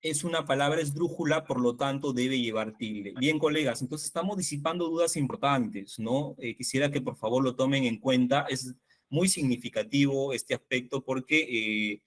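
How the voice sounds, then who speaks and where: A man with a Peruvian Spanish accent leads a spelling workshop for teachers over a video call. He quizzes the group and confirms their answers in a patient, didactic way, using a plain mid-pitched voice. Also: normal speed.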